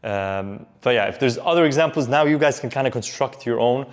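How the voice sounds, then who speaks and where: A man's voice: mid-range voice, quick pace, a little hiss or hum. A man with a Levantine Arabic accent teaching in a casual, informal way, switching between English and Arabic example phrases and repeating them. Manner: informal, repeats example phrases, checks in with short tag questions.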